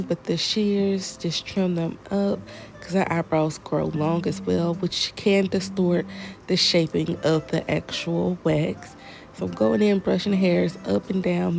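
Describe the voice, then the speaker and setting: A woman with a Southern American accent, congested from allergies, talking viewers through her waxing work in a relaxed, folksy voice-over. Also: lowish voice, creaky, a little hiss or hum. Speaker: esthetician. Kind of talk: tutorial voice-over.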